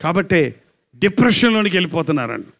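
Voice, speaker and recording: A man preaching a sermon, swinging between loud exclamation and hushed tenderness and asking the congregation questions. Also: high-pitched, sing-song, quick pace, creaky. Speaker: pastor. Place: church hall with congregation.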